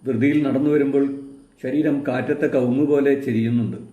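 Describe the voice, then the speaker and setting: A man reading a short story aloud at a steady, measured pace, streamed live with a roomy sound. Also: mid-range voice, phone-quality sound. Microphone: livestream. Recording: roomy echo.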